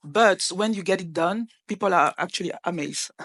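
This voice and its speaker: A woman's voice: fairly low pitch, normal speed, fairly bright tone. Woman, startup founder, panel talk, earnest, hesitant. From Cameroon. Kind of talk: panel discussion.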